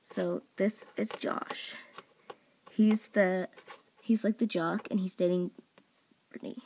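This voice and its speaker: In a steady, mid-range voice with a touch of mellowness, a woman takes her time introducing toy characters set on a table at home, speaking off-camera as the host of voice auditions for her channel. She rambles, says "um" and "like" a lot, and corrects herself as she goes. A phone or camera mic adds a bit of hiss or hum.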